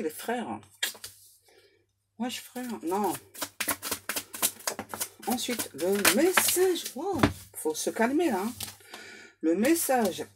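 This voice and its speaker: Woman, medium, casual card reading, chatty, self-mocking, unhurried, steady noise behind. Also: on the high side. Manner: chatty and self-mocking, bantering aloud with her spirit guides.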